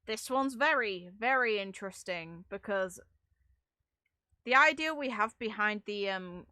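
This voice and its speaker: A gaming video creator rambles casually about game lore, informal and a little sweary, with wry asides. Her medium-pitched voice is pushed and bright, recorded at studio quality with no room sound.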